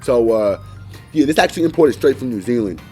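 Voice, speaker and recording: An actor playing a wary, rambling stoner weed dealer who talks in laid-back slang in a mock street interview. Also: male voice, mid-range voice, expressive, fairly quick, warm tone, faint music behind, close to an everyday voice. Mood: rambling, boastful. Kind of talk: street interview in a comedy sketch.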